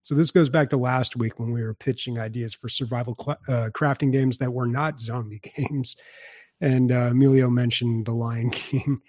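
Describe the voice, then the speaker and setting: A man of middling pitch hosts the listener-question segment of a casual podcast. He jokes at his own expense with a dry wit, and his voice sounds close and dry. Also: fairly even intonation, moderate pace, darkish tone, no echo. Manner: self-deprecating, dry humor. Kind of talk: casual chat.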